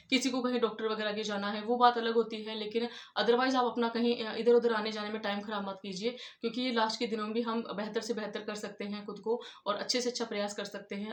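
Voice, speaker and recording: A woman's voice: fairly high pitch, echoey room. A woman giving earnest, repetitive study advice to exam candidates, often saying she would like to tell them something. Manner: earnest, repeats "I'd like to tell you". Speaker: exam-prep tutor. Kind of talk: casual advice talk.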